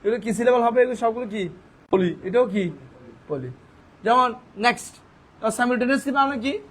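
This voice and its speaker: A high-pitched man leads a grammar lesson in a classroom teaching style. He stretches words out syllable by syllable, often pausing to pose a question and then answer it himself. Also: expressive, a bit bright, poor audio. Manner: drawn-out syllable-by-syllable spelling, asks questions and answers them. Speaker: English teacher.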